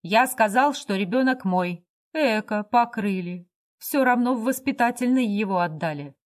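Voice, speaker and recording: A woman reading aloud, voicing a drunken, insolent man who shouts crude, mocking insults. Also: a little high, expressive, moderate pace, natural voice. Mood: contemptuous. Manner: loud, jeering, crude.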